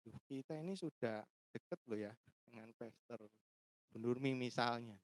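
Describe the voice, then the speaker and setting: A man's voice: medium pitch, normal speed, dry recording. A pastor, preaching a sermon, speaking straight to his listeners and weaving in stories from his own family. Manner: addresses listeners directly, folds personal family stories into preaching.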